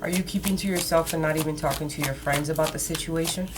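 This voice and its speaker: Female tarot reader, lower register, casual and direct mystical horoscope delivery, prominent music underneath. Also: steady tone, quick pace, noisy background. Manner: casual, conversational, addressing listeners directly. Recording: loud background music. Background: music, shuffling cards.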